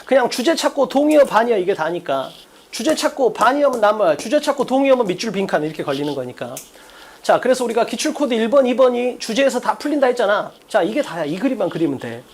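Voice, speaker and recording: A man's voice: very high voice, big pitch swings, quick pace. A man teaching an exam-prep English lecture, blunt and casual, who swears and keeps firing rhetorical questions at his students. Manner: repeats key phrases often.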